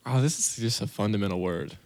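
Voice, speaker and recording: A man's voice: lowish voice, darkish tone, no echo. A young man co-hosting a casual comedy podcast, throwing in wry quips and banter. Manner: quick banter, wry interjections. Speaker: podcast co-host.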